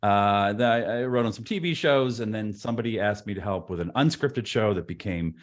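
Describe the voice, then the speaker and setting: A man's voice: lowish voice, brisk. A man being interviewed who tells laid-back, wry stories about his career in a casual way, with many restarts and fillers. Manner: rambling with frequent restarts and fillers. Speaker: guest. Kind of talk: casual anecdotal storytelling.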